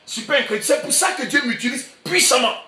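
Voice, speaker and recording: A male pastor with an Ivorian French accent, preaching emphatically and repeating himself, sometimes breaking into shouts. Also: very high voice, expressive, rapid-fire, far from the mic. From Côte d'Ivoire. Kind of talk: sermon. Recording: echoey room, voice from afar.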